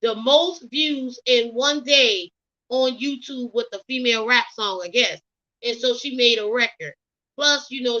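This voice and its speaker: A woman from the US South with a Geechee accent rambles through opinionated celebrity gossip in a casual commentary vlog, full of ums and you knows. Her voice is a little high, pushed and bright. The sound is lo-fi.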